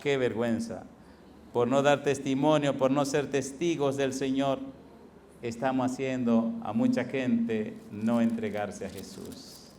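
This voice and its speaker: A middle-aged man, preaching a sermon as pastor and building to loud rhetorical questions. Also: medium pitch, fairly even intonation, measured pace, a little hiss or hum. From Dominican Republic.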